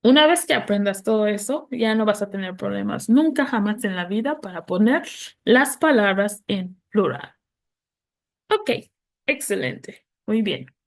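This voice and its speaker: Slow, patient woman teaching English plurals. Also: medium pitch, expressive. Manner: patient, spells out letters, models English words slowly. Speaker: English teacher for Spanish speakers. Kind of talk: explaining plural noun rules.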